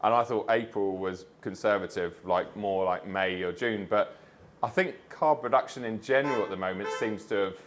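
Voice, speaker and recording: Man, car vlogger, casual chat, excited and talkative. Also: lowish voice, moderate pace, a little hiss or hum. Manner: enthusiastic, chatty, says "mate". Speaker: car vlogger collecting his new car.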